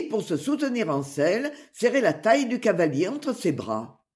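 A narrator reading a classic adventure novel aloud in a measured, expressive storytelling manner. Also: medium pitch. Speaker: audiobook narrator.

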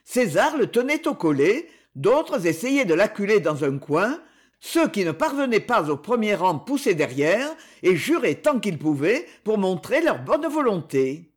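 An expressive narrator reads a classic tale aloud. The delivery is dramatic, with pitch rising and falling freely. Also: unhurried, husky. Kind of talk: audiobook narration.

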